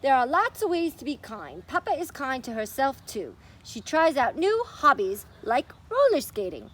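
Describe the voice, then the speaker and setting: Here a woman with a high, very animated voice talks at a moderate pace. She presents a children's story time, reading a story aloud and explaining things simply and encouragingly while guiding a craft.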